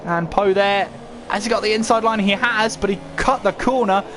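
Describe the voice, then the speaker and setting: A man's voice: high voice, fairly even intonation, moderate pace, noisy background. A man commentating live on a motor race as a motorsport commentator, calling it play-by-play and posing questions as he goes. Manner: running play-by-play with rhetorical questions.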